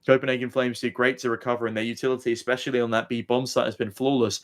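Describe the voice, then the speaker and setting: A man's voice: medium pitch, level tone, quick pace. Wordy male esports analyst on commentary.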